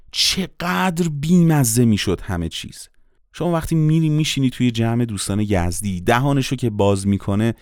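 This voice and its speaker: A man teaching a lesson on dialects and accents to voice actors, explaining in a lively, teacherly way and asking rhetorical questions. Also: medium pitch, no echo, studio quality. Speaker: voice-acting teacher.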